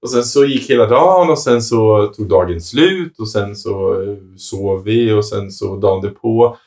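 A man telling a funny story in casual chat. He laughs often and acts out what each person said. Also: fairly low pitch. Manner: animated storyteller, quotes others with "jag bara", laughs often.

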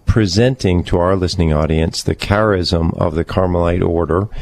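Guy hosting a radio show, really low voice, lots of uhs, studio. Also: darkish tone. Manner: measured, with many fillers. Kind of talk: radio interview.

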